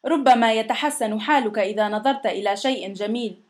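A woman voicing a kind, patient little male monster in a storybook reading, speaking gently. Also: a little high, fairly quick, natural voice. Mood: gentle.

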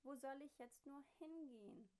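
A woman voicing a naughty little frog in a storybook, in a higher, plaintive voice. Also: moderate pace, warm tone, close to an everyday voice.

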